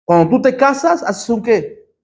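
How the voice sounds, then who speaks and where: A man's voice: very high-pitched, very animated, unhurried. A man preaching a sermon to a congregation as pastor, emphatic, with rhetorical questions and call-and-response. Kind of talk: sermon teaching.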